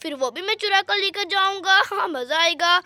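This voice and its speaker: A woman's voice: very high voice, normal speed, sharp tone, no room sound. A woman voicing a sneaky, gloating male thief in a doll story, with mocking laughs. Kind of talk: doll story role-play.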